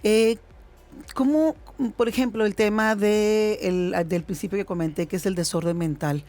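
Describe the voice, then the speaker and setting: A woman hosts a casual interview. She talks in a chatty, conversational way, pausing on fillers and restarting her sentences as she goes. Her pitch sits in the middle of the usual range for a woman. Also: fairly even intonation, a little mellow. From Mexico. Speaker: host.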